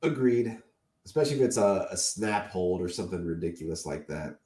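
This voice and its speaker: A man's voice: low-pitched, lively intonation, fairly quick, warm tone, roomy sound. A man co-hosting a casual chat, talking about what he collects in an enthusiastic, opinionated way, and he is losing his voice. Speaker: podcast co-host.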